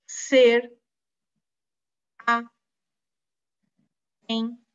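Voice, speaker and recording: A woman with a Brazilian Portuguese accent teaching a recorded lesson to children, slow and patient, encouraging, full of diminutives. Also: fairly high pitch, completely flat delivery, smooth, muffled recording, faint music behind. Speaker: primary school teacher.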